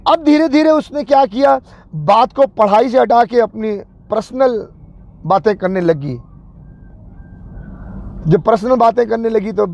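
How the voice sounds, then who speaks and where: High, gravelly man telling a story. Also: darkish tone. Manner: unhurried, reminiscing narration. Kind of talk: personal storytelling. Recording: dull lo-fi recording.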